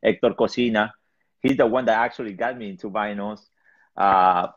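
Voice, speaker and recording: A man's voice: fairly low pitch, normal speed. A man from Peru, chatting casually as an interview guest. He rambles loosely, with lots of fillers and restarts. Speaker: salsa DJ guest. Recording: dull lo-fi sound.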